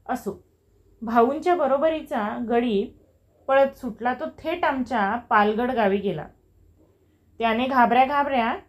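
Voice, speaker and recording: A woman narrating an audiobook with a measured, expressive reading. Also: fairly high pitch. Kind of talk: storybook narration.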